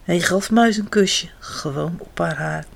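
A woman reading children's picture books aloud with an expressive, sing-song delivery. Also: fairly low pitch, unhurried, creaky, a little hiss or hum. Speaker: children's storyteller.

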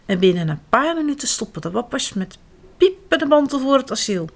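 A woman reading a children's story aloud, expressive and animated. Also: high voice, fairly quick. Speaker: narrator.

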